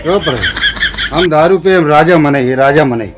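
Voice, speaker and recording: A man's voice: on the high side, expressive, measured pace, a crowd in the background. A man playing a drunk, boastful, quarrelsome rural uncle in a comedy sketch, rambling and arguing with an Awadhi accent. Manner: drunken, rambling, argumentative talk. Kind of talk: village comedy sketch acting.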